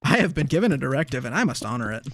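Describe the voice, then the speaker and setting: A man joking with friends during a game in a playfully dramatic, deadpan way. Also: mid-range voice, rapid-fire, dry recording, studio quality. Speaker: gaming stream co-player. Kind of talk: casual gaming banter.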